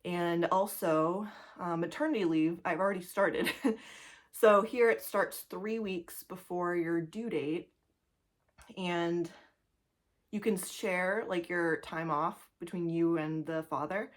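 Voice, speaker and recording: A pregnant cross-stitch vlogger in her thirties chats casually to the camera from home in a two-bedroom apartment, laughing often, slightly out of breath, and full of likes and ums. She speaks slowly in a voice on the low side.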